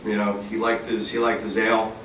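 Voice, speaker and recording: A middle-aged man giving a live poetry reading, chatting in halting asides full of fillers between measured recitations of his verses. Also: monotone. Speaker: poet reading his work. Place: large public atrium. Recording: echoey hall, distant, faint rumble.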